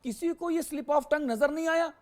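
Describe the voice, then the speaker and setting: A man's voice: very high voice, unhurried. A man anchoring a live news show, pressing his guest with emphatic rhetorical questions.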